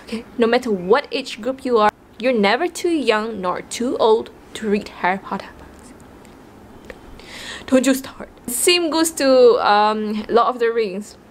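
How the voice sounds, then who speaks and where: A woman's voice: a little high, a little hiss or hum. A young woman with a Malaysian English accent, chatting casually about books and slipping Malay words into her English. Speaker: book vlogger. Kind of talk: casual chat.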